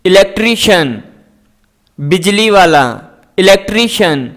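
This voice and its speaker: Man, English teacher, vocabulary drill, repeats each word twice, high voice. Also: a bit bright. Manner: slow and deliberate, says each word twice.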